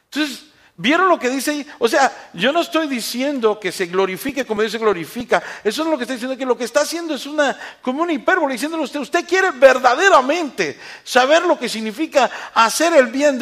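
A man with a very high-pitched voice delivers a church sermon. He moves between quiet asides and loud, emphatic statements, and imitates the people he quotes in mocking voices.

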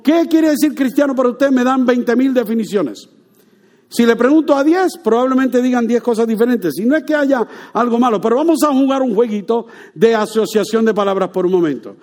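A man preaching a lively sermon, joking with and quizzing his congregation. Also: very high-pitched, fairly quick. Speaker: pastor.

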